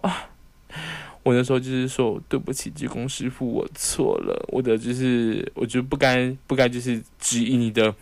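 A man's voice: lowish voice, no room sound. Young man with a Taiwanese Mandarin accent telling a story. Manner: animated, acts out quoted voices. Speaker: podcast host. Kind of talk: casual storytelling.

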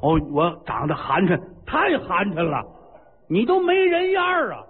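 A man voicing a brash, ugly warrior empress who mocks her foe in a loud, taunting way. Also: high voice, wildly swooping pitch, unhurried, big-room sound, narrow, tinny audio, full character voice.

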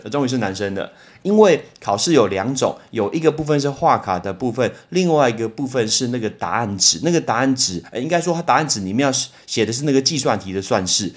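Taiwanese mandarin guy teaching words on a podcast, chatty stories, slows way down to spell stuff out. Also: mid-range voice. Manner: storytelling with lively exclamations. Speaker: English teacher and podcast host. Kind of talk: casual vocabulary lesson with anecdotes.

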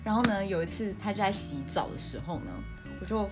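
A woman, co-hosting a podcast. She tells childhood stories in a casual, animated way, laughs often and acts out what people said, with music behind her. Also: medium pitch, brisk. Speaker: podcast co-host. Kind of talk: casual storytelling chat.

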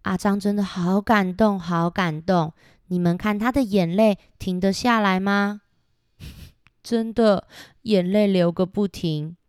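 A woman reading a picture book aloud to young children, animated and asking them questions. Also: medium pitch, takes it slowly, clear, resonant tone, no echo, clean studio sound. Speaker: storyteller.

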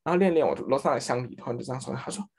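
Animated fast-talking Taiwanese man. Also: husky. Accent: Taiwanese Mandarin. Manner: animated, acts out quoted people with big pitch jumps. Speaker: podcast co-host. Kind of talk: casual storytelling chat.

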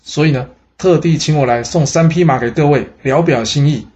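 A man voicing a cunning male officer who calls out with loud, coaxing courtesy. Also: fairly high pitch, normal speed, muffled recording, voice pushed up, lightly acted.

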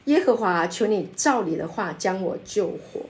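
A woman pastor teaching a Bible study, emphatic and lively, with frequent filler sounds and light laughs. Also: mid-range voice, normal speed. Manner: laughs often while explaining.

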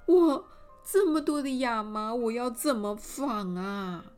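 A woman's voice: on the high side, slow, a little mellow, faint music behind, pitched above the performer's own voice. A woman voicing a helpless young girl in a fairy tale, pleading and tearful. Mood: distressed.

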